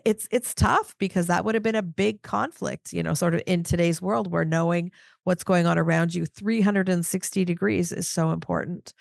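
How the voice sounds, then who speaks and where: A woman's voice: lowish voice, creaky, dry recording, clean studio sound. A middle-aged woman interviewing on a podcast, talking thoughtfully with frequent restarts and "you know"s. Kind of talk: casual podcast chat.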